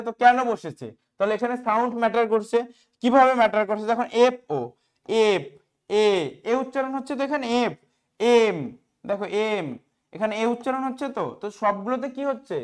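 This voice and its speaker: Male teacher asking and answering questions. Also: high voice. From West Bengal, India. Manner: asks questions and answers them himself, often checks "okay?". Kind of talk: explaining grammar in a class video.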